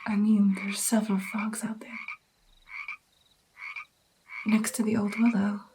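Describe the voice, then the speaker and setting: A woman playing a gentle vampire mentor in an ASMR roleplay, soft, breathy and mostly whispered, coaxing and encouraging her pupil with pauses. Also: mid-range voice, flat delivery, a little hiss or hum, natural voice. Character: gentle female vampire patiently training her new darkling. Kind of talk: ASMR personal attention roleplay.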